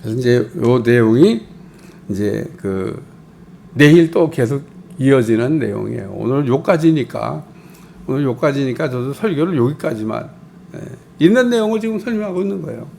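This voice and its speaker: A man's voice: medium pitch, lively intonation, normal speed, gravelly, dark tone, slight background noise. A middle-aged male pastor preaching an early-morning sermon in a colloquial way, acting out the voices he quotes.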